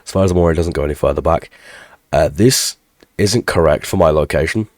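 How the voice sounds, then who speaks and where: A man's voice: very deep voice, brisk, dry recording, studio quality. A man, stuffed up from a cold, hosting a rambling, self-deprecating update for his tech tutorial channel at his computer. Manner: rambling, self-deprecating, restarts mid-sentence. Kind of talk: casual channel update with screen walkthrough.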